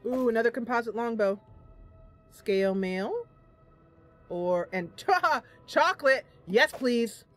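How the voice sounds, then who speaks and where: Over game music, a woman hosts gameplay with casual, chatty commentary and voiced role-play, thinking aloud playfully. Her voice is a little high, and she talks slowly with long pauses.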